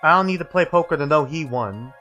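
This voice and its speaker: A man's voice: fairly high pitch, lively intonation, brisk, bright, forceful tone, muffled recording, faint music behind. A tired young man with a slightly sore throat, chatting casually while streaming and reading game dialogue. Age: young adult. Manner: rambling, many fillers, reads dialogue aloud. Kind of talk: casual live gameplay commentary.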